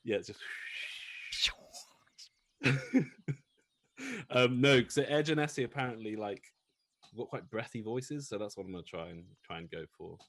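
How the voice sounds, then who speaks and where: A man's voice: medium pitch, normal speed, pauses often, no echo. A man taking part in a tabletop game session as a player, chatting casually and hesitantly with plenty of fillers. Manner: hesitant, self-conscious, many fillers. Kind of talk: casual chat.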